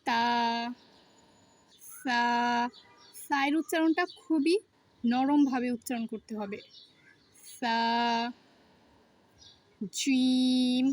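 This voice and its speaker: A woman teaching the Arabic alphabet in a step-by-step pronunciation lesson, saying each letter slowly and repeating it. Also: sits high, a little mellow.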